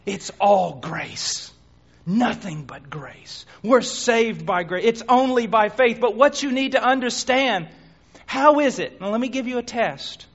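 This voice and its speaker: A man preaching a sermon, telling a dramatic story that swings between hushed near-whispers and shouts. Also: sits high. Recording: dull lo-fi recording.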